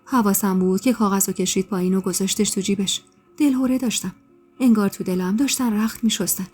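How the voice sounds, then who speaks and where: Woman storyteller, calm and intimate, mellow tone, soft music underneath. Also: medium pitch. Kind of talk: first-person story narration. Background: faint background music.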